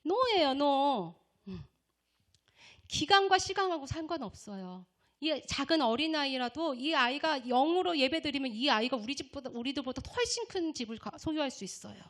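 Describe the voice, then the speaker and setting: A woman's voice: lively intonation, moderate pace. A woman missionary preaching a revival sermon, emphatic, asking the congregation questions and answering them herself. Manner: acts out shouting voices in a high pitch.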